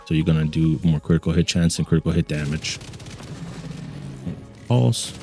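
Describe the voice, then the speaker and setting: A man's voice: rumbling low, normal speed, over music. A man hosting a gaming channel, giving playful gameplay commentary and repeating his catchphrases, recorded at a desk mic in a home gaming setup.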